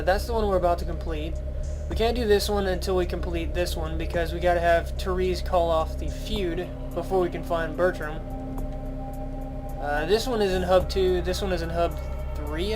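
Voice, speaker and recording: High-voiced man doing game commentary. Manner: chatty, playful, wry. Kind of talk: casual let's-play commentary. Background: game music.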